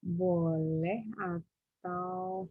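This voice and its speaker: A woman's voice: fairly low pitch, little pitch movement, drawn-out words. A woman teaching English in an online lesson, often hesitating and thinking aloud with many fillers. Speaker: English tutor. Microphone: video call. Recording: muffled video call audio.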